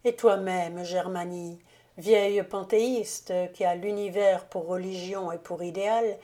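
A woman reading a classic novel aloud in a measured, calm way. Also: mid-range voice. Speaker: audiobook reader. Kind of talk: audiobook narration of a classic novel.

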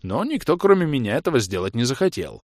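A man reading an audiobook in an even, wry storytelling manner. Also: mid-range voice, quick pace, no room sound, clean studio sound. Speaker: audiobook narrator. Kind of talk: scripted narration.

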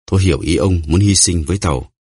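Brief: man doing old sunburnt sailor, earnest report, deep dry tone. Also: fast talker, darkish tone, slightly rough, no room sound. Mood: urgent. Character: old weathered male sailor.

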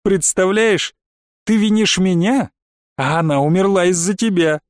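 A man's voice: high-pitched, measured pace, no room sound, studio quality, voice pushed up. Man doing a shrieking undead witch stepmother. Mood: sweet, mocking. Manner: singsong, purring, taunting, shrieks. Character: undead witch stepmother, over forty, coquettish, cruel.

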